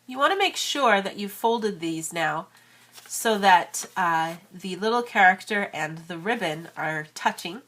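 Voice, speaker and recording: Expressive and fairly bright, this woman's mid-range voice moves a little slowly. In her thirties and nursing a cold, she hosts an origami channel and talks through a tutorial in a chatty, friendly way, using many fillers.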